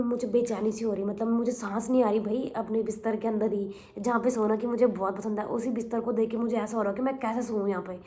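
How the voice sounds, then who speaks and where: Young woman vlogger, mellow low-brightness voice, chatty storyteller who rambles and repeats. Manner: rambling, repeats herself, mixes in English words. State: recovering from illness. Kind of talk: casual storytelling vlog.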